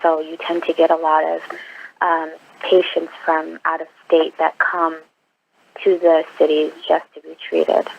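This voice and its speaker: A woman in her twenties from Iraq, a nurse, is a guest on a phone interview. She speaks earnestly with frequent pauses and ums, in a gravelly, flat-pitched voice, and the audio is dull and lo-fi like a phone line.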